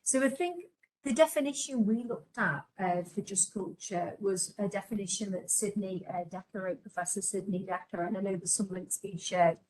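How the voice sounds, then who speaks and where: This woman speaks with a Scouse accent and presents at a quick clip. She is earnest and practical, with frequent ums and small restarts as she works through her slides. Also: medium pitch, a little mellow, low-quality recording. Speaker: healthcare leader presenting. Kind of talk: webinar presentation.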